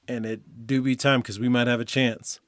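A man's voice: mid-range voice, little pitch movement, moderate pace, no room sound, studio quality. A man co-hosting a casual gaming podcast, laid-back and agreeable, cracking jokes. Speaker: podcast co-host.

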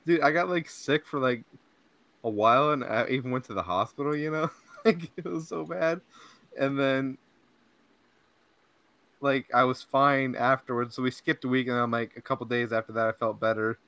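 This young podcast host's medium-pitched, slightly bright voice moves at a normal speed, captured on a podcast mic with no echo. He rambles in casual chat, laughs often, and says "like" and "dude" a lot.

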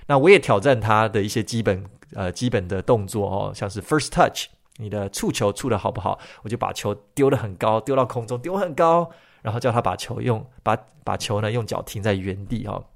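A man hosting his own podcast and telling a story. He often ends his phrases with drawn-out particles. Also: on the low side, expressive, vocal fry. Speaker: podcast host.

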